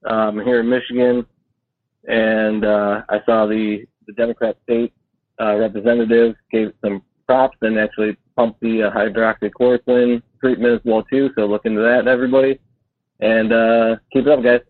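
A man from Detroit calling in on speakerphone to a radio show, talking haltingly with many fillers and restarts. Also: fairly low pitch, level tone, dry recording. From Detroit, United States. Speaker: caller. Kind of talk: call-in radio chat. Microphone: phone on speakerphone. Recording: tinny phone line on speakerphone.

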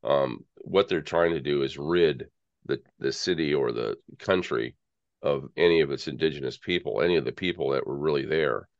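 Speaking at normal speed in an extremely deep voice, an American interview guest launches into a rambling, earnest, conspiratorial rant about politics in a conversational manner. There is no room sound, and the audio is dull and lo-fi.

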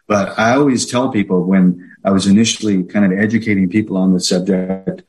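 Low-voiced man guest, halting speech. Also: steady tone, darkish tone, poor audio. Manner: hesitant, many fillers. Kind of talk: casual interview talk.

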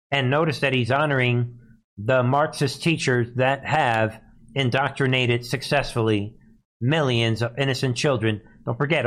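A live political commentary host speaks in a mid-range, slightly bright voice. He's emphatic, scornful, and mocking, repeating phrases to hammer his points home.

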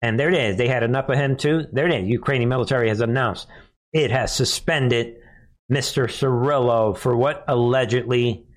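This US news commentary host delivers live political takes with scorn and emphasis, hammering phrases by repeating them. He talks in a mid-range voice at normal speed.

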